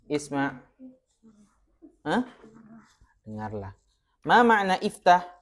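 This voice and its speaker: A male Arabic teacher runs a classroom lesson, calling on students one by one. He speaks slowly and patiently, with a lively, rising and falling voice. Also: fairly high pitch. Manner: patient, quizzing students by name, switching between Arabic and Indonesian.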